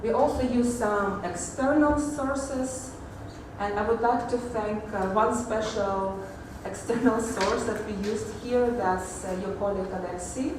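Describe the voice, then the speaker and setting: A woman giving a technical conference presentation, pausing often with fillers and restarts. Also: on the high side, noisy background. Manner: hesitant, many fillers and restarts. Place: large echoey conference hall. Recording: echoey hall audio from far off.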